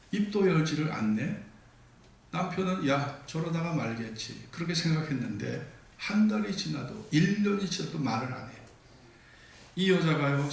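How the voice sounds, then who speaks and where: A man's voice: a little high, slight background noise. Man, pastor, storytelling sermon, big echoey church hall, heard from a distance, faint ambience. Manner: storytelling, acts out quoted dialogue. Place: church sanctuary.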